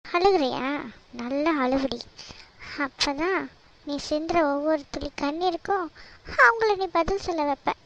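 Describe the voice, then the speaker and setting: A woman voicing a scheming, jealous young woman villain in a cartoon drama, taunting and slow. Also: sits high, fairly bright tone, slight background noise. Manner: sneering, taunting, slow and deliberate. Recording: dull lo-fi recording.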